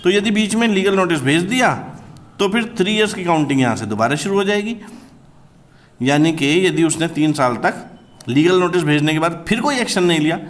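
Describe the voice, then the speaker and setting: A man teaching a commerce law class, explaining step by step and slowly repeating key terms, with terms. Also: a little high, animated.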